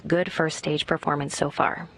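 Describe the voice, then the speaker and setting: A woman commentator giving live rocket launch commentary in a measured, informative announcer delivery. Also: sits low, flat delivery, heavy background noise.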